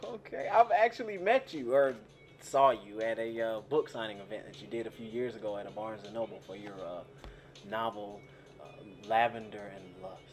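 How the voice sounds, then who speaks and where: Soft music plays behind a male actor whose fairly low voice moves at a normal speed in a lightly acted short film scene. His character is a chatty, awkward server and eager fan, rambling and stammering with plenty of fillers.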